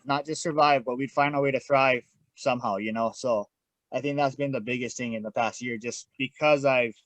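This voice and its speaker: A plain-spoken man giving a candid personal testimony as a podcast guest in casual conversation. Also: medium pitch. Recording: dull, echoey room sound.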